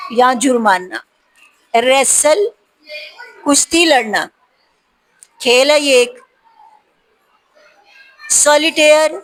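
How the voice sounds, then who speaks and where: A woman teacher reads out spelling words one by one and explains what each means, slowing down for the hard ones. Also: high-pitched, poor audio. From Pakistan. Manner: reads each word slowly, then explains it. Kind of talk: vocabulary lesson for spelling practice.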